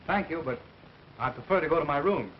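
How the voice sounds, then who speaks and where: An actor playing a brisk, reassuring gentleman doctor in early 1930s film style, on a muffled old soundtrack. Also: on the high side, expressive, a little hiss or hum, natural voice. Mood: courteous, reassuring.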